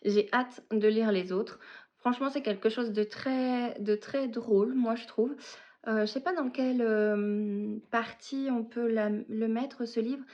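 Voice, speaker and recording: A woman's voice: a little high, darkish tone, dull audio. A woman hosting a casual knitting and reading podcast, talking in a hesitant way and often searching for her words. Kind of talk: casual podcast chat about knitting and books.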